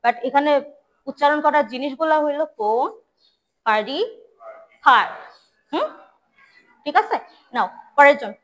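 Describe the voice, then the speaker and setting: High-voiced woman drilling pronunciation. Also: normal speed, pauses often, low-quality recording. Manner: repeats words and corrects students. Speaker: English pronunciation teacher. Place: classroom.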